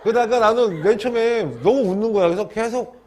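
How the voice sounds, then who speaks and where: This is a classroom lecture in which a man teaches history, joking with his students and answering his own questions. His voice sits high and moves fairly quickly, and the recording is very noisy.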